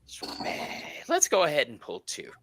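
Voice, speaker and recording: A man's voice: mid-range voice, sing-song, a little slow, noisy background. A man hosting a casual tarot reading stream, bantering in a giggly, self-mocking way. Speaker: tarot reader and stream host.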